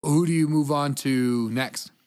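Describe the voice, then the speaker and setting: Playful higher-voiced male podcast host. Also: unhurried, a little mellow. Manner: playful, repeats quips. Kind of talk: casual interview chat.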